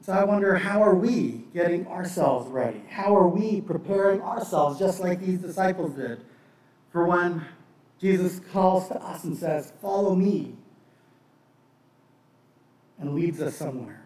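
Here a pastor in middle age gives a sermon far from the mic, his high-sitting voice lively in intonation, a touch slow and slightly mellow. He talks earnestly and conversationally, recounting personal testimony and repeating phrases for emphasis. He was born in Bangladesh and grew up partly in Pakistan in a missionary family, and the room echoes.

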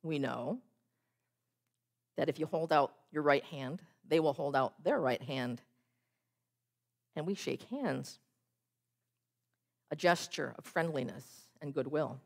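A woman preaching a sermon, telling a story in a measured way and slowing down on key phrases. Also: low voice, vocal fry.

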